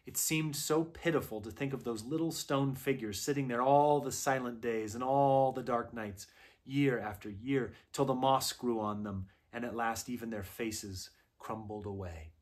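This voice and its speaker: A man calmly narrating a children's novel aloud at a gentle, measured storytelling pace. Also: mid-range voice. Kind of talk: unhurried read-aloud narration.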